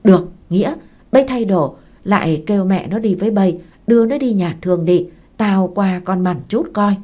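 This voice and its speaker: A woman voicing a gruff, fatherly older village uncle who gives orders, with a Southern Vietnamese accent. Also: medium pitch, moderate pace, warm tone, muffled recording, lightly acted. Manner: gruff, commanding.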